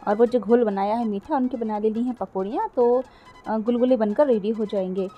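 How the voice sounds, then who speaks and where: A woman's voice: a little high, brisk, narrow, tinny audio, faint music behind. A middle-aged woman narrating a cooking vlog, chatty, explaining each step and often speaking straight to her viewers. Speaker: cooking vlogger. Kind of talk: casual voice-over cooking vlog.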